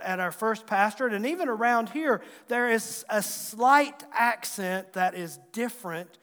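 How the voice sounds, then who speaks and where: A Southwest Virginia man in his forties preaches from the pulpit with a fairly high voice. His manner is folksy and self-deprecating, with easy jokes for his congregation. The sound rings out in a church with a long, trailing reverb. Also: sharp tone. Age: 40s. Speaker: pastor. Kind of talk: sermon. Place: church sanctuary.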